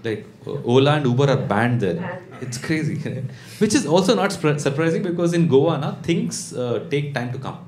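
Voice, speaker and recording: Echoey club acoustics, crowd noise and laughter surround this stand-up set, recorded on a handheld-type stage mic on a stand. The comedian is a man in his thirties from Bangalore, India, with a South Indian English accent and a mid-range voice. Performing live in a small indoor club, he stays conversational and deadpan, pausing and ending lines with questions.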